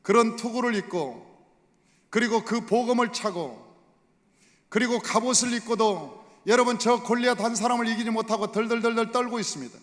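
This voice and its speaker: A male pastor preaching in a church sanctuary, telling stories and speaking straight to his congregation. His voice sits high for a man. A long reverb from the hall hangs behind every phrase. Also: normal speed. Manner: storytelling, addresses the congregation directly. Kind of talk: sermon.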